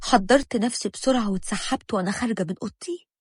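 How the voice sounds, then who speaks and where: A woman's voice: medium pitch, very fast, breathy edge, no echo, studio quality. A woman with an Egyptian accent telling a dramatic first-person story. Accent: Egyptian Arabic.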